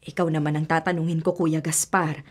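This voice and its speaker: A woman with a low, level voice speaks briskly as a hardworking, self-sacrificing, middle-aged widowed mother in a Filipino radio drama. She sounds earnest and long-suffering, resolute yet weary.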